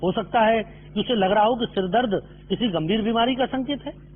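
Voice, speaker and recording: A man's voice: high voice, normal speed, husky. A middle-aged man giving a spoken lecture on acting, explaining and mixing English terms into his talk. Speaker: drama lecturer. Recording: tinny phone-line audio with faint hum.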